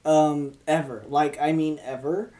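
This is a solo podcast hosted by a twenty-year-old woman in her 20s who rambles in casual conversation, stumbling over her words upbeatly. Her voice is low-pitched and dark, with fairly even intonation and a measured pace. It's captured on a podcast mic and also filmed for video.

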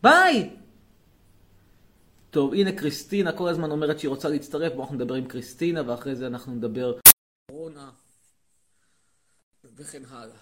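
A man's voice: mid-range voice, pauses often, darkish tone. A man hosting a live stream, needling his caller and ranting in mocking, repetitive bursts. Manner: mocking, needling, repeats himself in rising rants. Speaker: host of a live stream taking callers and questions. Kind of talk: provocative live-stream monologue.

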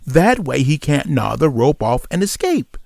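A man voicing a bossy, cautious male hunter who gives hushed orders. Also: a little high, very animated, unhurried, gravelly, no room sound, clean studio sound, exaggerated voice. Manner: hushed, commanding.

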